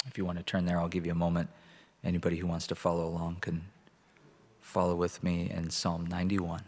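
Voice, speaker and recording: A man preaching as a pastor and reading scripture aloud, earnest and deliberate, with pauses between phrases. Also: low voice, monotone, darkish tone. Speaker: pastor leading a church prayer meeting. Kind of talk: sermon with Bible reading. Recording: reverberant hall, long echo.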